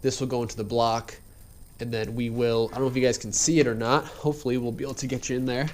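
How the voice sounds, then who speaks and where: He's a fast talker with a mid-range, slightly mellow voice that barely moves in pitch, and he sounds stuffed up and a bit nasal. Working in a garage, he narrates his car build casually, laid-back and rambling with lots of filler, captured by a head-mounted action camera.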